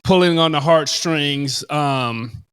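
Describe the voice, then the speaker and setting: A man hosting a podcast, joking with his co-hosts and backing them up with quick affirmations. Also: fairly high pitch, fairly bright tone, clean tone. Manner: jokey, affirming with "right" and "yeah". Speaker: podcast host. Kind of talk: casual podcast chat.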